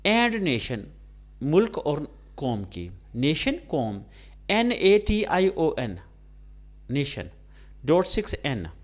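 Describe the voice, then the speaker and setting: A man's voice: a little high, big pitch swings. A man from Pakistan teaching English to blind students, spelling words out letter by letter and translating them into Urdu. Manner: slow, spelled-out dictation of words, switching between English and Urdu; addresses students by name, checks understanding. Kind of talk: recorded classroom lecture.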